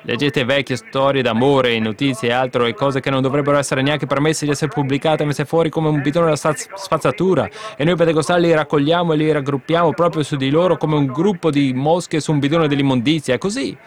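A man preaching a sermon with fervour, breaking into emphatic outbursts and then dropping to hushed asides. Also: a little high, fairly even intonation, fairly quick, hardly any pauses.

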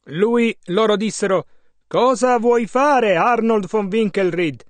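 A man interpreting a sermon, measured and following the preacher's emphasis. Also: high voice.

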